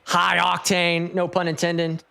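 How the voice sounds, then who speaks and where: A man co-casting an online esports match with a slightly high voice. He talks in a loose, rambling way and slips in jokes and banter with his partner. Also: monotone, a little slow, gravelly, sharp tone, smooth. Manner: easygoing, rambling, playful banter. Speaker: esports commentator. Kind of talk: casual esports commentary.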